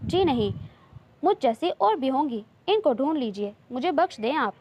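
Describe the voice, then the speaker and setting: A woman's voice: sits high, very animated, moderate pace, darkish tone, a little hiss or hum. A woman reading a romance novel aloud, voicing a shy, fretful young woman who pleads and protests. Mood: flustered, pleading. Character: shy, anxious young woman, easily flustered.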